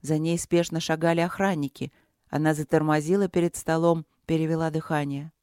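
An audiobook narrator reading in a steady, measured way. The voice sits in a middle register and is recorded close with a dry sound and no room echo. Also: medium pitch, smooth.

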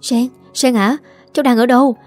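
A woman as a gentle, sorrowful aunt. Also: mid-range voice, a little fast, soft background music, lightly acted. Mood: urgent. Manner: soothing, urgent.

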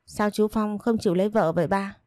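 A woman's voice: mid-range voice, fairly even intonation, a little fast, dark tone, no echo, lightly acted. A woman reading a curious shy young woman.

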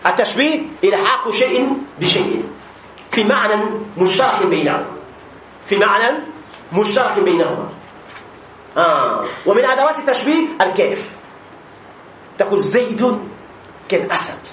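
A man teaching a grammar lesson to a class, repeating examples slowly with many drawn-out fillers and checking that students follow. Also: sits high, animated, a bit bright. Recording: echoey room with faint noise.

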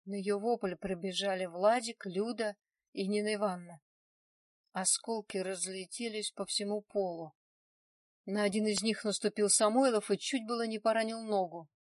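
A woman narrating an audiobook in the first person, steady and measured. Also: mid-range voice, no echo, clean studio sound, far from the mic.

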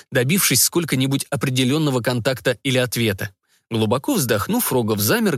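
A man narrating a science-fiction audiobook in a steady storytelling manner. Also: mid-range voice, dry recording, clean studio sound. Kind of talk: scripted narration.

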